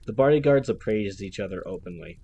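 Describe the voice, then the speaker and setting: Low-voiced male audiobook reader. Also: a little fast, a little hiss or hum. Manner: even storytelling narration. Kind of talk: reading a novel aloud.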